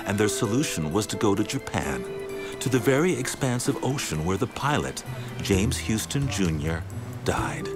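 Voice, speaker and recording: Low-voiced man narrating a documentary. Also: sing-song. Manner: dramatic, slows on key words. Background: background music.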